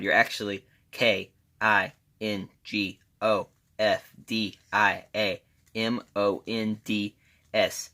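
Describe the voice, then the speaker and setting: A man's voice: lowish voice, pushed and bright. A man giving a casual, informal step-by-step tutorial as an amateur magician, talking directly to his viewers. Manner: informal, addresses viewers as guys.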